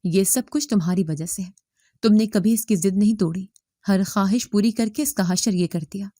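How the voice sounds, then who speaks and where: Story figure: stern scolding father, dark tone, dry read, woman narrator doing the lines. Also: medium pitch, no room sound, lightly acted. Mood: harsh. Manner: scolding, bitter. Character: angry stern middle-aged father, harsh husband.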